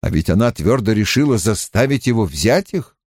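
A man narrating an audiobook in an expressive storytelling manner. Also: fairly low pitch, normal speed, slightly rough, no room sound, clean studio sound.

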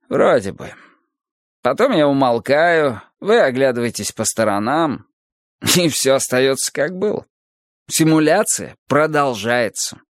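Brief: man doing a calm, sorrowful philosopher-teacher for an audiobook, slow and measured, lively pitch, dry read. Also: no room sound. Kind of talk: audiobook character reading.

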